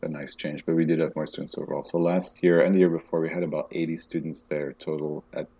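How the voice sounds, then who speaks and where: A man from Belgium, a music festival director, talking casually in a soft, measured way with frequent pauses. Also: extremely low pitch, flat delivery, breathy edge. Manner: soft-spoken, measured, hesitant with ums. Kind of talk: casual interview conversation.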